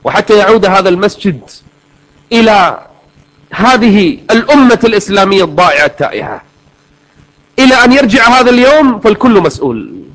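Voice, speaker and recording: Male preacher with a very high voice, earnest, draws recited verses out slowly. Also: big pitch swings, a bit bright, low-quality recording. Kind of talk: sermon.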